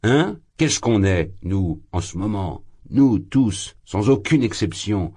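A man reading an audiobook voices a drunk, exalted young man who rants loudly, his voice leaping high and then sinking. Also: animated, slow pace, breathy edge, exaggerated voice. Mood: ranting. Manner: loud, impassioned, rambling, swings high. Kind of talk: audiobook character voice.

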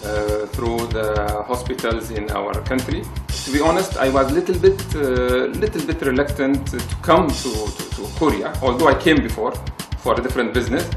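Man from the Emirates, echoey, over music. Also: medium pitch. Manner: halting, repeats words while searching for them. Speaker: patient giving a testimonial. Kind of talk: testimonial interview. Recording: roomy echo with loud music bed.

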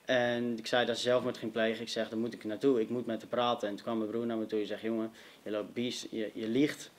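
A man's voice: fairly low pitch, flat delivery, a little fast. Young man, earnest testimony, emphatic, talks straight to the audience. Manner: earnest, emphatic, direct address to listeners. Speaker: youth testimony speaker. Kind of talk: personal testimony to a youth meeting.

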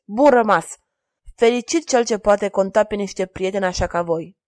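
A woman's voice: mid-range voice, darkish tone, dry recording, natural voice. A proud aging king who gives orders and raises his voice when angered, as a woman reads him in an audiobook. The voice has a dry, close sound with almost no room around it. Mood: gracious. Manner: commanding, raises voice in fury.

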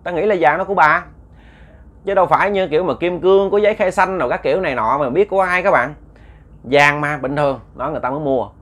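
A man narrates a ghost story in a loose, conversational way. He stumbles over repeated words and keeps turning to address his listeners directly. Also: a little high. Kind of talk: casual spoken storytelling.

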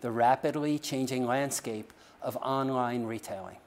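A man hosting a corporate video interview, reading smooth scripted questions in a polished way. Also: medium pitch, moderate pace. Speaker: interview host. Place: studio.

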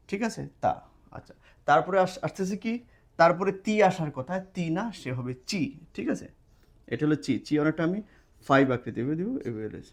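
A man teaching casually at a board, explaining step by step and checking in often with his listeners. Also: on the high side. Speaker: language teacher. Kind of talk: casual spoken lesson at a board. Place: indoors, classroom or study room at a board. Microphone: camera mic while writing on a board.

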